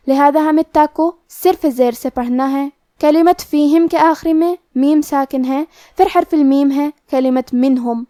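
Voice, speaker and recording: A woman's voice: high-pitched, warm tone, no room sound, studio quality. A woman teaching the rules of Quran recitation, explaining each rule step by step. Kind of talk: tajweed lesson.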